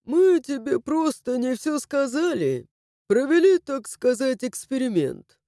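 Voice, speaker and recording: A sheepish, evasive dragon man who brushes things off in an offhand way, voiced by a woman narrating an audiobook. The tone is mellow and the read dry and close. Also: high-pitched, big pitch swings, unhurried, no room sound, exaggerated voice. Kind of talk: audiobook character voicing.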